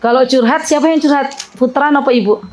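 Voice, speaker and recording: A middle-aged woman, teaching religion to a women's audience in a lively, teasing way and questioning listeners. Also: sits high, a little fast, background noise. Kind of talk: interactive religious talk with audience.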